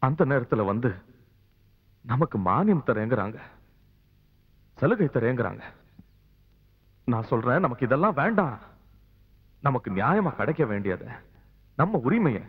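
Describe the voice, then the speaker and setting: An actor playing an earnest, ailing male village leader with a raspy voice. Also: mid-range voice, big pitch swings, unhurried, long pauses, heavily acted. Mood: rallying. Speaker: village leader campaigning for an election. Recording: tinny phone-like film audio.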